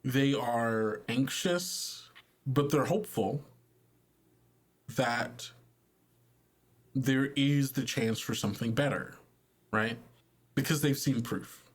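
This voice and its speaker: Running a tabletop roleplaying session as game master, this man narrates at medium pitch in a conversational, halting style broken up by pauses.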